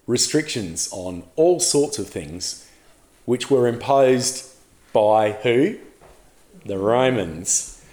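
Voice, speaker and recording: A man preaching a sermon as a pastor, telling the story in a lively way and putting questions to the congregation. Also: medium pitch, echoey room.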